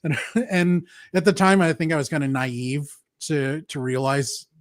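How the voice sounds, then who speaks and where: A man's voice: fairly high pitch, a little slow. A man hosting a live review show, chatty and joking, laughing now and then. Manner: chatty, laughs often, jokes. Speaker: podcast host. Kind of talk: casual livestream chat.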